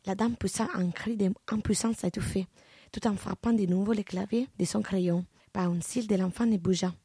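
Mellow, husky woman narrating a novel. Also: medium pitch, no echo, clean studio sound. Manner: measured, even literary reading.

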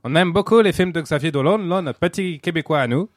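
A man's voice: a little high, brisk, no echo, studio quality. A man co-hosting a casual chat show, playful and improvising silly jokes. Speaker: co-host.

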